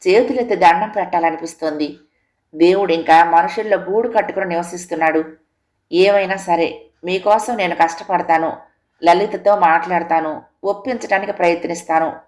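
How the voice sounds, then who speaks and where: A woman's voice: fairly low pitch, normal speed, a little mellow, lightly acted. A woman reading the part of a humble man who supplies film extras, speaking deferentially and effusively in an audio story. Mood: grateful humble.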